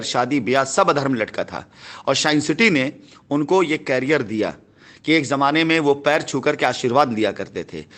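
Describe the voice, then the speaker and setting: Speaking as the head of a company on a customer phone call, this man has a medium-pitched, slightly bright voice. He argues his case insistently, repeating his words as he persuades.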